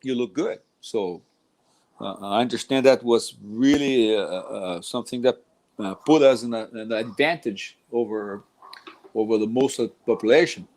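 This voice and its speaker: Speaking at normal speed in a medium-pitched, slightly mellow voice, a middle-aged jiu-jitsu instructor from Brazil chats about teaching. His Brazilian Portuguese accent comes through as he rambles, restarts often and says "man" a great deal.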